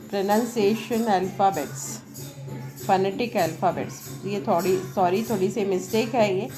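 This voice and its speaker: Slow, loud woman teacher over background music. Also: on the high side. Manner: talks loudly over outside noise; keeps checking with the class, asking "right?". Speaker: English teacher. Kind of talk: classroom lesson at a board, Hindi mixed with English. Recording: loud music and noise from a nearby event behind her. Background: music from a nearby program.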